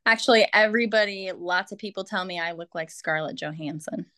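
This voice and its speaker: A woman's voice: fairly low pitch, fairly quick, sharp tone, no room sound. A young woman with a Minnesota accent, chatting playfully as a podcast guest and laughing often.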